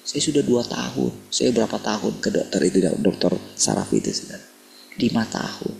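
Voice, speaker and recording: A man's voice: lowish voice, wildly swooping pitch, brisk, vocal fry, darkish tone, slight background noise, low-quality recording. A middle-aged man preaching a sermon, posing rhetorical questions and speaking directly to his listeners. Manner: rhetorical questions, addresses listeners as brothers and sisters.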